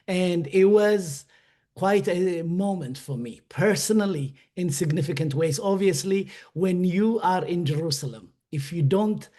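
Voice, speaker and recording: A man's voice: fairly high pitch, mellow. A man from Ethiopia, a guest on a webinar interview, telling his story earnestly, with many fillers and restarts.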